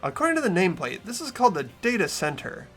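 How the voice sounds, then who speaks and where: This young man's high voice swings widely in pitch, moving fast with a fairly bright tone while faint music sits behind it. He's host and lead reader of a game playthrough, alternating voiced narration with relaxed chat.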